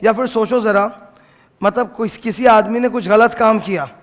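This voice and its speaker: Man, law lecture, casual, very high voice, reverberant classroom. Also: moderate pace. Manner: casual, scolds noisy class, mixes English terms. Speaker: law teacher. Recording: long hall reverb.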